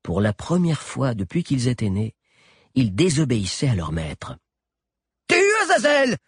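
A man's voice: lowish voice, big pitch swings, moderate pace, mellow, husky, no echo, studio quality. A man narrating an adventure story as an audiobook, telling it expressively. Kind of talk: scripted narration.

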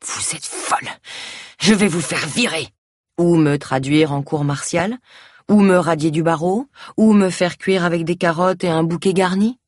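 A woman's voice: lowish voice, normal speed, no room sound, natural voice. An ailing middle-aged doctor gasps out his commands, weak but still condescending. A woman narrator puts him on in a storybook reading, close and dry with no room sound. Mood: pained, haughty. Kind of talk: audiobook reading.

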